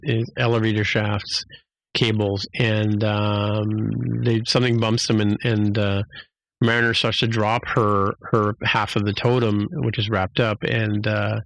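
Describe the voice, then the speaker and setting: Low-voiced man recapping casually. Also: fairly bright tone, dry recording, low-quality recording. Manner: rambling, many fillers and restarts, acts out character lines. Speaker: podcast host.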